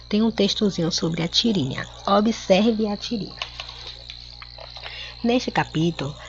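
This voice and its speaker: A Brazilian woman teacher with a fairly low voice speaks slowly and clearly, stretching out words for young pupils. The recording is dull and lo-fi, with faint crickets somewhere behind her. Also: background noise. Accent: Brazilian Portuguese. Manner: slow, clear, spelling words out for children. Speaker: schoolteacher. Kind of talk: recorded classroom lesson.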